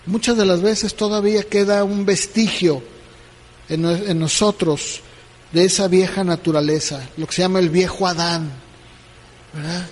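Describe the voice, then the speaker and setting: A man's voice: high-pitched, fairly even intonation, unhurried, in a large hall. A man preaching a sermon as pastor, questioning his listeners and acting out conversations. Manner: asks the congregation questions, acts out dialogues.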